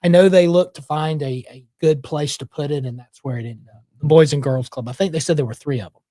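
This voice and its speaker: A man, a mayoral candidate answering interview questions in a calm, measured way. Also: a little high, dry recording, clean studio sound.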